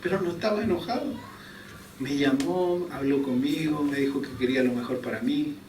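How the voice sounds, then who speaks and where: Male preacher, fairly high voice, casual storytelling sermon, echoey church from a distance. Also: brisk, background noise. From Chile. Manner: conversational storytelling, chuckles at himself. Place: church hall.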